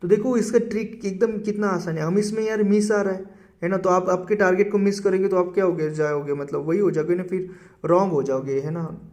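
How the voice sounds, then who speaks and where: A man teaching a casual vocabulary lesson for exam preparation, spelling words out letter by letter, reading English example sentences very slowly and often checking that the listener is following. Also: high voice, fairly even intonation, darkish tone.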